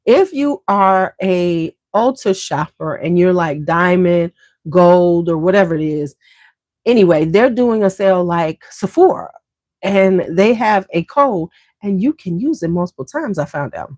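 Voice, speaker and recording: A woman's voice: on the low side, lively intonation, unhurried, a little mellow, dry recording. A woman hosting a beauty livestream, chatting casually and slangily straight to her viewers.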